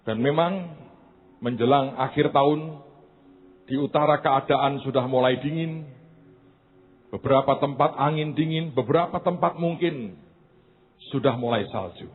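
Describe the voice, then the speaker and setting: A man's voice: mid-range voice, a little slow, pauses often, slightly rough. A man preaching a sermon, telling a story playfully with asides to the congregation. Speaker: pastor. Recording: tinny phone-like sound.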